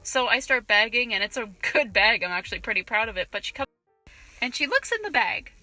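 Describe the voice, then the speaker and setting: A woman's voice: fairly high pitch, a little fast, dry recording, soft background music, poor audio. A young woman and cashier, ranting indignantly and profanely about a customer in a vlog. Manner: profane, indignant, animated retelling. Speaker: vlogger, cashier.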